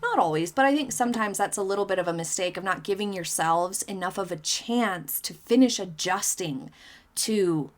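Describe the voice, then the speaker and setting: A woman's voice: medium pitch, animated, normal speed. Chatty woman hosting a commentary vlog. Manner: chatty, opinionated, many hedges and fillers. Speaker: commentary channel host. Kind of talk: casual commentary reading viewer comments.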